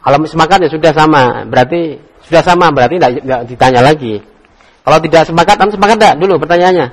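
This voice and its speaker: Teacher quizzing a class, long reverb. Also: male voice, a little high, fast talker. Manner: quizzes students in turn, explains patiently, jokes and laughs. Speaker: religious teacher. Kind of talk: classroom Arabic grammar lesson. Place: classroom study circle.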